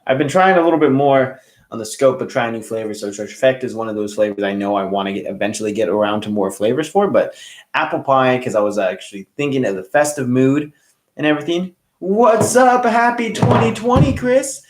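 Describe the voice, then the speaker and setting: A man's voice: mid-range voice, quick pace, reverberant. A man hosting a casual hookah review livestream, chatting loosely and greeting viewers by name. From California.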